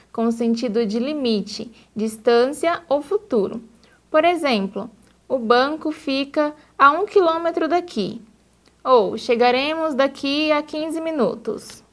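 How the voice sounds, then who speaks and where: Woman narrator for a lesson, high voice, slow deliberate delivery. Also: animated, fairly bright tone. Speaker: teacher.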